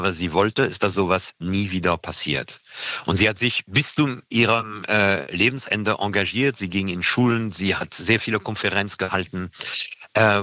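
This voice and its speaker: A middle-aged man with a French accent talks earnestly in an interview, pausing often and filling gaps with hesitations. His voice sits low but sounds bright and forceful. The recording is dull and lo-fi. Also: no echo. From France. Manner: earnest, hesitant with many fillers. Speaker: guest. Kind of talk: radio interview.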